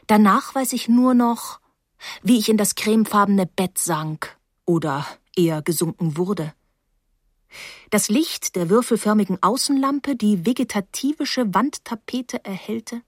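A woman reading a first-person novel aloud in a steady, expressive storytelling manner. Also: medium pitch, measured pace, no room sound, clean studio sound. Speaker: audiobook narrator.

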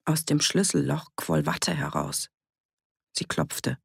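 Woman audiobook narrator, low voice, gravelly, husky, dry studio sound. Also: dry recording. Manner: steady, measured storytelling. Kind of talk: scripted narration of a novel.

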